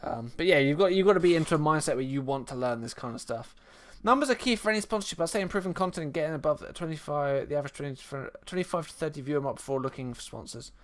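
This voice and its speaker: A young man hosting a live stream, chatting casually, laughing often, with sudden loud bursts. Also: fairly high pitch, animated, rapid-fire, hardly any pauses. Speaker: stream host.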